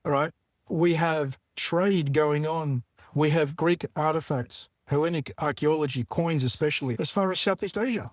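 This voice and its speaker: Higher-voiced man explaining history. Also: normal speed, dry recording. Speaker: guest expert on history. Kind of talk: explanatory podcast discussion.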